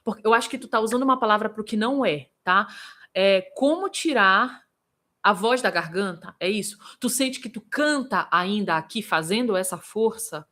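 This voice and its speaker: A woman's voice: mid-range voice, normal speed. A woman vocal coach in Brazil, teaching a live singing lesson and answering viewers by name. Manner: lively, demonstrative, breaks into vocal examples.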